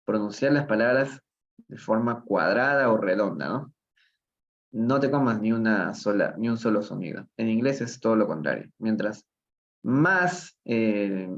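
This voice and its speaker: A man with a Peruvian Spanish accent teaching English live online, explaining step by step and asking questions of the chat. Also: mid-range voice. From Peru. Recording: slightly dull, lo-fi livestream audio.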